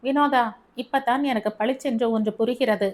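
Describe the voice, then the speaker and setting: A woman's voice: a little high, steady tone, normal speed, a little mellow, natural voice. A woman voicing a scolding, arrogant rich husband. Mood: scornful. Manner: scolding, raised and emphatic. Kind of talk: audiobook character reading.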